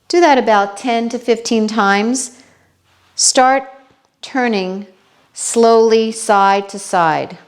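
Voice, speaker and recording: A woman with a New York accent demonstrating balance exercises, chatty and unhurried, checking in with viewers as she goes. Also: a little high. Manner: unhurried, talks while demonstrating moves. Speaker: fitness instructor.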